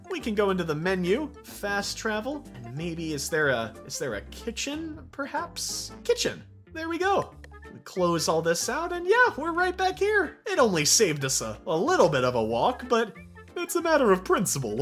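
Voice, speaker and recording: A woman's voice: mid-range voice, fairly bright tone. A woman giving casual, playful commentary on her gameplay, giggling often as she chats. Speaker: gaming YouTuber.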